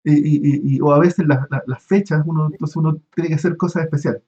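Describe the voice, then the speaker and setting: A man's voice: fairly high pitch, fairly even intonation, dark tone, breathy edge, lo-fi sound. A man teaching an online university class, explaining step by step with many fillers and restarts. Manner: halting, many restarts and fillers, asks students questions. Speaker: university lecturer.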